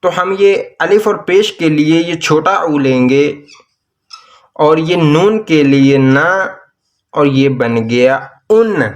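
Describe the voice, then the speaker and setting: A man teaches at a very unhurried pace, his voice sitting a little higher than most men's. He stretches each sound out as he spells whole words piece by piece, like a patient tutor at a desk. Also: expressive. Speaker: language teacher. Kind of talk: slow explanatory lesson.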